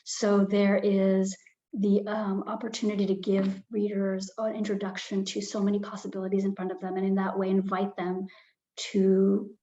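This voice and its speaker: Woman, publisher, panel talk, thoughtful, halting restarts, mid pitch, muffled lo-fi sound. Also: completely flat delivery, dark tone. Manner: thoughtful, frequent ums and restarts. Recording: slightly dull lo-fi sound.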